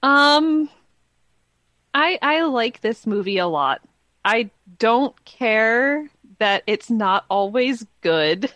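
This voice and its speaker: A woman's voice: fairly high pitch, lively intonation, extremely slow, a bit bright, no echo. A woman co-hosting a podcast review in casual chat, enthusiastic and talkative, laughing often. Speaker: podcast co-host.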